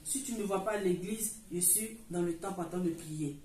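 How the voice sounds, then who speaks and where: A woman's voice: on the low side, normal speed, darkish tone. Earnest woman giving a church testimony. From Africa. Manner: earnest, repetitive storytelling with many restarts. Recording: roomy echo, far from the mic, faint noise.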